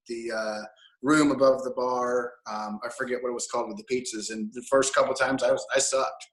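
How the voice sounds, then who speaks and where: A male actor reflects in casual chat, telling his story loosely and plainly. His middle-pitched voice bounces around an echoey room. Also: a bit bright. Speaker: guest actor.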